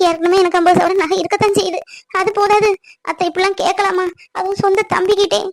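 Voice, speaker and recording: Someone voicing a squeaky, anxious young bride-to-be. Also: level tone, fast talker, no room sound. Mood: upset. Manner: pleading, anxious, breaks into tears. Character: worried young bride-to-be, tearful and earnest. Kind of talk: cartoon voice acting.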